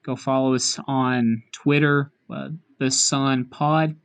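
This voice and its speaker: A man's voice: mid-range voice, flat delivery, takes it slowly, clean tone. A man hosting a casual chat podcast in a small room, joking and plugging the show. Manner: jokey, wraps up with plugs. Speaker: podcast host.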